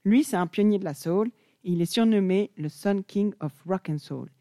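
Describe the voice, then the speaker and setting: A woman's voice: mid-range voice, moderate pace, mellow, dry recording, studio quality. A young woman presenting an enthusiastic music chronicle on the radio.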